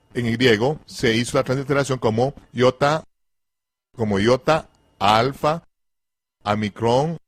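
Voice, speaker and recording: A man giving a religious lesson, slowly spelling out letters and repeating pronunciations with deliberate care. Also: medium pitch, no echo, studio quality. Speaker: religious teacher.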